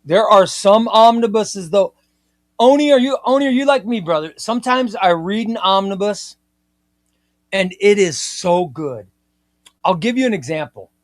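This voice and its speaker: Guy in his 50s gushing about comics on a stream, kinda high voice, rambles n repeats stuff. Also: lively intonation, normal speed, dry recording, clean studio sound. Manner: enthusiastic, rambling, repeats himself. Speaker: comic book livestream host. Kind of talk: casual livestream chat reading viewer comments.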